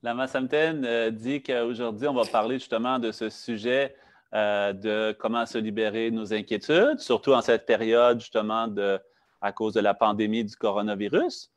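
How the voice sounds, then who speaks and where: A man fluently restating a Buddhist teacher's points in French, explaining clearly with a few light fillers. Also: fairly low pitch, steady tone, moderate pace. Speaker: interpreter and assistant. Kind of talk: relaying a talk in fluent French.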